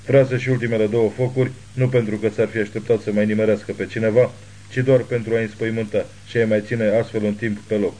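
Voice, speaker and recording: A man narrating an audiobook novel with steady, measured reading. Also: fairly low pitch, low-quality recording. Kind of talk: scripted narration.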